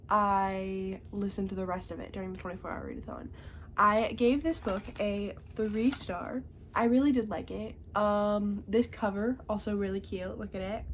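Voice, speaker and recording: Chatting casually as a book reviewer, a young woman with a congested, mid-range voice talks through the books she's read. She regularly checks in with "okay?". Slight background noise is present.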